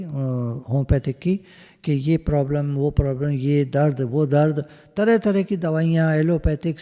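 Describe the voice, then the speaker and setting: Man, satsang talk, slow emphatic delivery, warm-toned, reverberant sound. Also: fairly high pitch. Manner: mixes in English phrases, slow and emphatic. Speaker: satsang speaker. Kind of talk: spiritual discourse. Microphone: video call.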